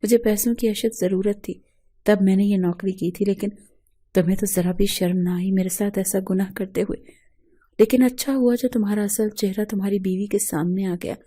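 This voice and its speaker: A woman's voice: medium pitch, steady tone, dark tone, slightly rough, lightly acted. A woman voicing a tearful, desperate widowed maid who accuses her employer in a storybook reading. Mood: tearful accusing.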